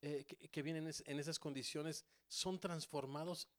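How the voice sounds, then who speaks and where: Man, interviewer, fairly high voice, halting, stumbles over words. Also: fairly even intonation.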